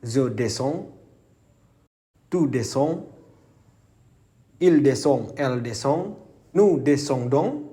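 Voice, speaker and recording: Man, language teacher, very slow, mellow tone, deliberate drill recitation. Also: mid-range voice, expressive.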